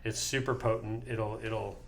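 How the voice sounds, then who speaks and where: A man talking as a podcast guest, telling lively stories and laughing often in a casual chat. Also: lowish voice, moderate pace. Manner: animated storyteller, laughs often.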